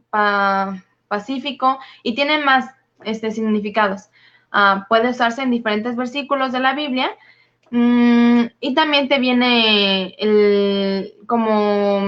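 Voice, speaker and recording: Higher-voiced woman teaching a Bible study. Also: fairly bright tone. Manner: methodical, listing definitions. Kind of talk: explaining scripture word meanings. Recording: dull lo-fi recording.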